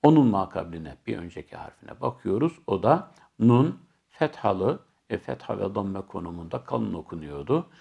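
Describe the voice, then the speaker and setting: A man teaching Quran recitation, explaining each letter step by step and then chanting the verses slowly. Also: lowish voice, sing-song, creaky, mellow, breathy edge.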